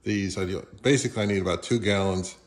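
A deep-voiced man in his fifties talks at a quick pace, sounding casual and offhand like the host of a home product review vlog. He's a record collector who hosts the channel, speaking indoors from his living room and kitchen.

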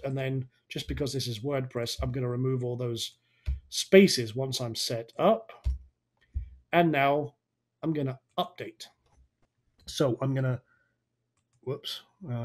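A man with a raspy, somewhat tired voice, coaching informally and thinking aloud through a screen-share tutorial. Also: mid-range voice, measured pace, pauses often. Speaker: online marketing coach.

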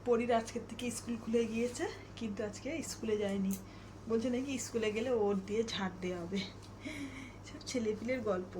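A woman's voice: fairly high pitch, fairly even intonation, a little fast. Woman vlogger, casual rambling chat, noisy phone recording at home. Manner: rambling homely chat addressed to viewers; speaks softly so a sleeping child won't wake. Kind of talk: casual chatty daily vlog. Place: home, indoors.

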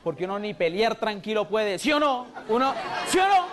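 Rowdy high-voiced Colombian comic. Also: male voice, sing-song, moderate pace, background noise. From Huila, Colombia. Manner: loud, rowdy, acts out quoted voices. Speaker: stand-up comedian. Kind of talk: stand-up routine on TV comedy show.

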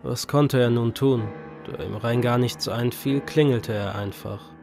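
A man reading a horror story as narrator in a measured, even storytelling manner. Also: medium pitch, vocal fry, music in the background.

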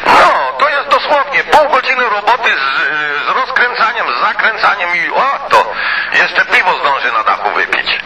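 A loud crowd can be heard as a CB radio hobbyist with a high-pitched, very animated voice talks at a normal pace in a two-way CB conversation. He chats colloquially and ramblingly, with fillers and mild swearing, over a noisy transmission bearing a CB radio effect.

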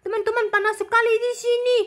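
Whiny little girl, very high and bright, a woman voicing her in a game role-play. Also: level tone, quick pace. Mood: complaining. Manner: whiny, pleading.

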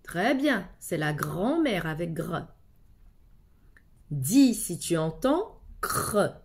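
A woman teacher giving a slow, carefully articulated reading lesson to young children, patiently speaking to the child and repeating each word twice. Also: on the low side, very animated, noisy background. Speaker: primary school teacher.

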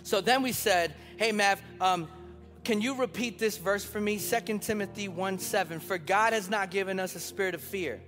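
A man's voice: high voice, normal speed, a bit bright, big-room sound, faint music behind. A man in his thirties preaching a sermon, emphatic and building with repeated phrases, telling a story from his own family life. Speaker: pastor. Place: church sanctuary.

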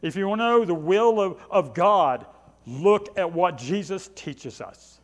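Indoors in a small church, a sixty-something pastor delivers his sermon at a measured pace, animated and fairly high-voiced for a man. Short repeated phrases drive his points, broken up by conversational asides, all carried on a long reverb.

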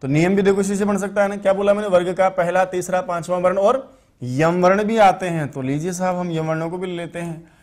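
Teacher asking and answering himself. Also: male voice, high-pitched, fairly even intonation, a little mellow. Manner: explains step by step, asking questions and answering them himself; says sounds aloud slowly and clearly. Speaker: Sanskrit teacher. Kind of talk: online grammar lesson.

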